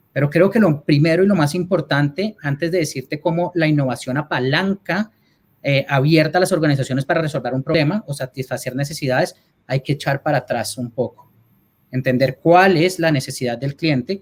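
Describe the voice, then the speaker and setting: Speaking on the high side with a Colombian accent, this man is a guest speaker and advertising executive fielding audience questions online. He is explanatory and keeps adding check-in tags to confirm he's being followed.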